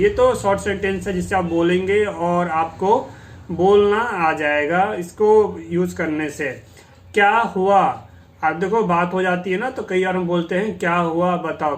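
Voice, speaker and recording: A man's voice: high-pitched, a little hiss or hum. A middle-aged Indian man, a native Hindi speaker, teaches everyday English phrases, explaining step by step and answering his own questions. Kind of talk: spoken English lesson.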